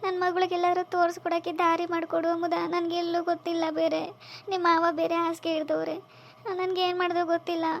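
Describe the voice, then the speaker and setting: A woman voicing a worried, poor village mother who pleads tearfully and slowly for help for her daughter in a cartoon drama. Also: high-pitched, little pitch movement, highs cut off, close to an everyday voice. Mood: worried pleading.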